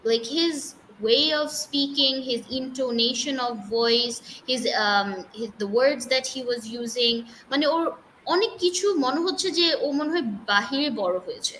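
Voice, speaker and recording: A woman's voice: sits high, bright, forceful tone, a little hiss or hum, low-quality recording. A woman from Bangladesh, an English teacher, talking casually in an interview with many fillers and restarts. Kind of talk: casual interview talk, mixing English and Bengali.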